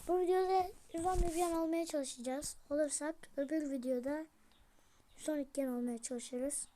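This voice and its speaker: High-voiced woman excitedly narrating a game. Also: moderate pace, a little hiss or hum. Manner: excitable, yells at the plays and jokes with viewers. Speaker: gaming channel host. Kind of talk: casual gameplay commentary.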